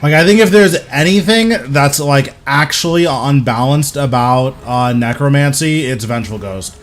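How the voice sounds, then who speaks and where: A man's voice: mid-range voice, moderate pace, faint music behind. A young man giving casual, rambling live commentary while streaming a video game. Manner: rambling, thinking aloud, informal.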